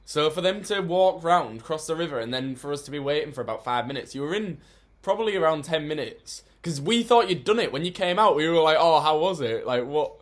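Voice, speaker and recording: Chatty young man, slightly high voice. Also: brisk. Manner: chatty storyteller, excitable, teasing. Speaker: podcast co-host. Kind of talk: casual chat.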